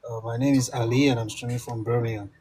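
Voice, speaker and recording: A middle-aged man calling in to an investment show, speaking politely and haltingly with frequent uhs. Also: mid-range voice, fairly even intonation, mellow, a little hiss or hum. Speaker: caller. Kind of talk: call-in question.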